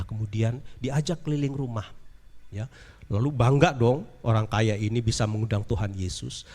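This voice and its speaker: A middle-aged man giving a sermon, telling a story in a lively, chatty way and addressing listeners directly. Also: mid-range voice, long reverb tail. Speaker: lay preacher.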